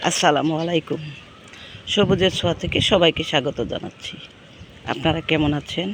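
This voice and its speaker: A hoarse woman with a cold, hosting a gardening vlog and gently telling nostalgic childhood stories from her rooftop garden outdoors. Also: sits low, fairly quick, a little hiss or hum. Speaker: gardening channel host. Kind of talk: casual reminiscing vlog.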